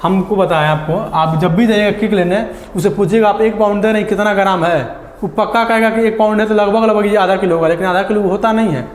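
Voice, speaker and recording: Guy teaching a class, high voice, asks stuff then answers it, big echoey hall. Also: steady tone. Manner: asks questions and answers them himself; repeats key words slowly and low. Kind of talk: classroom lecture.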